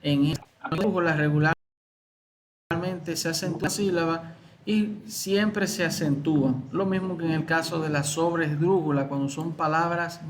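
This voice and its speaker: A male teacher with a Dominican accent, explaining exam answers to his students slowly, repeating key words and asking questions. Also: a little high, fairly even intonation, slight background noise. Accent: Dominican Spanish. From Dominican Republic.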